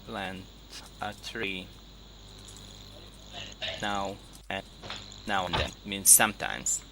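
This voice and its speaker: Low-ish guy tutoring english online, patient, keeps repeating words, noisy call. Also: extremely slow, creaky. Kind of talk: online speaking lesson. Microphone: video call.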